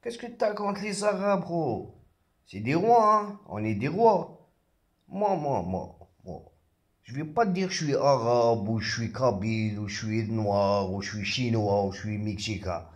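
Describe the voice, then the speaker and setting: An angry man in a ranting monologue, addressing someone he is confronting. His voice sits at a middling pitch but jumps high and loud when he gets heated. He stumbles, repeats words and restarts mid-sentence. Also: lively intonation, measured pace. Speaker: rapper.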